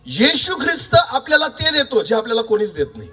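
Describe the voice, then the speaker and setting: A man preaching a sermon, quizzing the congregation with repeated questions and building to shouts. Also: very high voice, sing-song, a little fast, recorded from a distance, slight background noise. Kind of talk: sermon with call-and-response.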